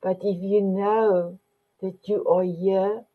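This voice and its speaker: A woman speaks slowly and deliberately as a talk show host, offering motivational encouragement. She repeats endearments and sometimes searches for an English word. Her voice comes through a narrow, phone-like line. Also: mid-range voice, little pitch movement. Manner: warm, repetitive terms of endearment, searching for English words. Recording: phone-line quality audio.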